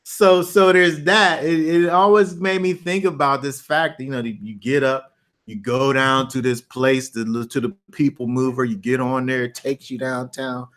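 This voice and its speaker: A man's voice: mid-range voice, normal speed. Casual host, man, mid-range voice, rambling storyteller who acts scenes out. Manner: animated storyteller, acts out scenes with sound effects; loose, rambling with restarts. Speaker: host of a Bible study discussion. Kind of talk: casual chat.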